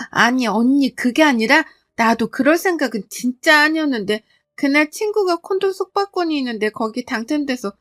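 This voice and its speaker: A woman voicing a young sister-in-law who argues back in a whiny, self-justifying way. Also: high voice. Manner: whiny, argumentative.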